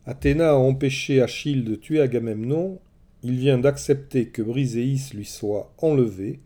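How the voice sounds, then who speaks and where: A middle-aged man in scripted storytelling narration, with dramatic swells and hushes. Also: medium pitch. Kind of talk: scripted narration of a myth series.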